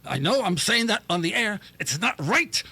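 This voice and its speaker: A middle-aged man spins a comic story on his radio show with a high, lively voice that swoops all over. His tone is bright and a little husky. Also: moderate pace. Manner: animated, jokey, mimics voices in falsetto. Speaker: talk radio host.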